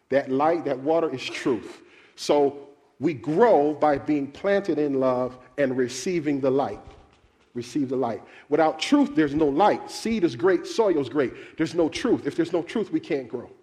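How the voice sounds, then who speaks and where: Delivering a sermon at a measured pace, this preacher has a somewhat high voice. With animated energy, he puts questions to the congregation and calls for their responses.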